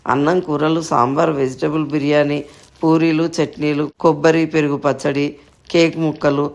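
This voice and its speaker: A man reading a short story aloud in steady, scripted narration. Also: fairly high pitch, normal speed, vocal fry.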